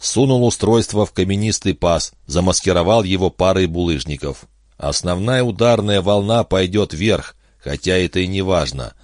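A man reads an audiobook in steady, measured scripted narration. His voice is very deep and recorded dry and close. The delivery stays even and unhurried. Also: no room sound.

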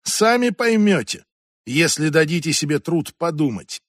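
A woman's voice: low-pitched, lively intonation, measured pace, dry recording, clean studio sound, voice pushed up. A man reading an audiobook and voicing a strict, imperious ex-senator in her eighties who talks in a commanding, impatient way. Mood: lecturing. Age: 80s. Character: strict imperious old woman, former senator.

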